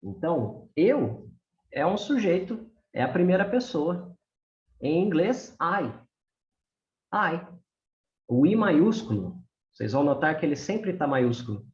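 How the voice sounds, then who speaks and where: A man explains grammar at an unhurried pace, and his pitch rises and falls with a lot of life. He is teaching beginners from home and often stops to check that they follow. The sound is roomy and a little dull. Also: sing-song, dark tone. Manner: patient, keeps checking in with the class. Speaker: English teacher. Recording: roomy, slightly dull recording.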